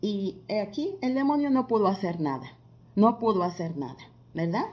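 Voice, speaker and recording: A woman teaching a devotional Bible lesson in a conversational way, asking listeners rhetorical questions and pausing on filler sounds. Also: medium pitch, animated, darkish tone. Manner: frequent filler pauses.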